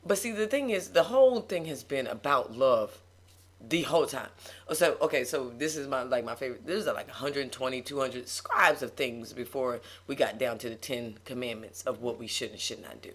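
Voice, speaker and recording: Animated woman preaching in casual chat. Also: a bass voice, moderate pace. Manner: animated, preachy emphasis, laughs often. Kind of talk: casual faith talk.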